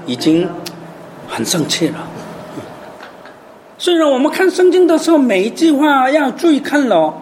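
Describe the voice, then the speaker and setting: A woman's voice: fairly high pitch, darkish tone, slight background noise. A woman preacher giving a sermon who keeps asking rhetorical questions and drops English words into her talk.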